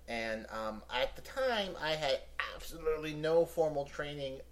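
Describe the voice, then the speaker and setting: A man's voice: fairly high pitch, very animated, moderate pace. A man from Pennsylvania telling personal anecdotes in casual chat as an interview guest. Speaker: interview guest, improv comedian.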